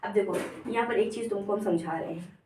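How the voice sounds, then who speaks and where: A woman's voice: mid-range voice, darkish tone, slight background noise. Lady teacher going over a lesson, keeps asking if u got it, echoey room, a bit far from mic. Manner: explains slowly, repeating words and checking understanding with "theek hai". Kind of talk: exam-prep lesson in mixed Hindi and English.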